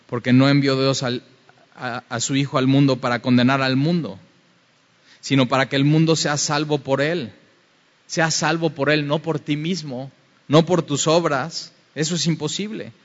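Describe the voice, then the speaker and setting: A man preaching a fervent sermon that rises to loud, emphatic passages. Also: a little high. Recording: dull, reverberant hall sound.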